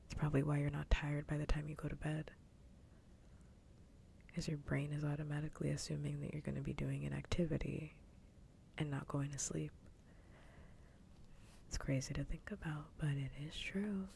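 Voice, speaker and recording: Whispering softly and breathily right up against the microphone, a female livestream host chats in a gentle, unhurried ASMR style. Her deep voice keeps a level tone, and a faint hiss or hum sits under the audio.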